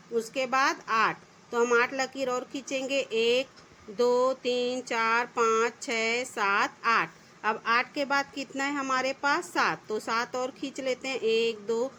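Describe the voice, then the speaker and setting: A woman with a fairly high voice walks young children through addition. She counts out each step slowly and patiently, and a faint hiss of room noise sits under her voice. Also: fairly bright tone, low-quality recording. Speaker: teacher. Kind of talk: explaining math to children.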